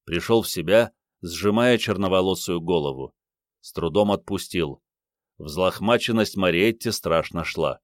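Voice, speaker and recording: Male audiobook narrator, low and dry, measured storytelling. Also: dry recording.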